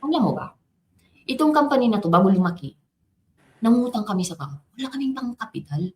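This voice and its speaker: A woman, a business coach, telling her personal story in a casual, animated way and mixing in English and Japanese phrases. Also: on the high side, brisk. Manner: animated, switching between Tagalog, English and Japanese.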